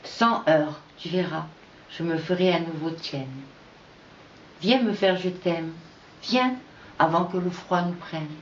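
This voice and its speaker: A woman reading her own poetry aloud in an unhurried, measured recitation with pauses between verses. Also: lowish voice, slight background noise. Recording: echoey, dull lo-fi room recording.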